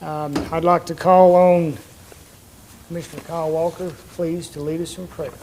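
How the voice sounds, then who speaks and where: High-voiced man chairing a public meeting. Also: level tone, moderate pace, warm tone. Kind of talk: procedural public meeting talk. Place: indoor commission meeting room. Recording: faint background noise.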